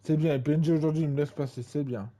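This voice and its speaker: A man's voice: on the high side, steady tone, fast talker, mellow. A man in his twenties giving casual gameplay commentary, rambling and full of fillers and repeated tags. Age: 20s. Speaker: gaming channel host.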